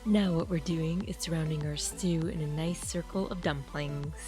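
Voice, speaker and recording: Upbeat lady walking you through a recipe, talks right to the viewer, soft music in the back. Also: low-pitched, fairly even intonation, moderate pace. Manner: chatty, upbeat, speaks to viewers directly. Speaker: cooking channel host. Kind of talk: casual cooking demonstration.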